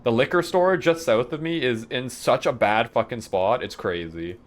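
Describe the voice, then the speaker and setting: A man's voice: medium pitch, normal speed. A young man streaming a video game, chatting casually in a rambling, profane way and chuckling often. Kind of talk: casual chat while playing a game live.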